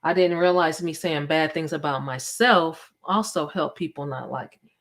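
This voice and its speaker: A woman's voice: low voice, moderate pace. A woman guest speaker sharing her personal story candidly and reflectively. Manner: reflective, candid, many soft affirmations.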